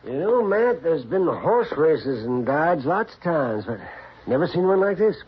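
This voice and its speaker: Doc Adams, animated high-pitched frontier doctor. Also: male voice, measured pace. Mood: amazed. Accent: American. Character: crusty, inquisitive older frontier town doctor. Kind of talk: 1950s western radio drama acting. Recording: dull, slightly noisy old radio recording.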